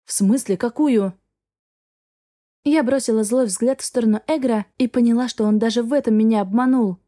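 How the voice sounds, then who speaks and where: A woman's voice: fairly high pitch, fairly even intonation, quick pace, mellow. A woman narrating a fantasy novel in the first person, reading expressively. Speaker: audiobook narrator.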